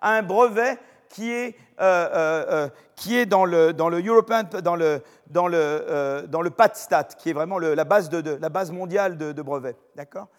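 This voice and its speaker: A man's voice: fairly high pitch, normal speed, hardly any pauses. A middle-aged man giving a university economics lecture, rambling and interrupting himself as he keeps checking that the audience follows. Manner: rambling, self-interrupting, addresses the audience with "vous voyez". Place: lecture hall. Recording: long reverb of a lecture hall.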